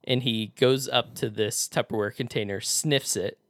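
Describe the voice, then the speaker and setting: A man's voice: mid-range voice, steady tone, moderate pace, fairly bright tone, dry recording, clean studio sound. A man co-hosting a casual chat, telling a story with lots of laughs and fillers.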